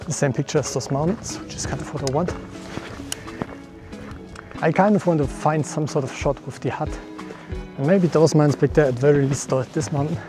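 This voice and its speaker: Over music, a man with a fairly high voice vlogs from a mountain trail on a small action camera, speaking at a moderate pace with long pauses. The photography vlogger is out of breath, chatting casually and musing aloud with little laughs.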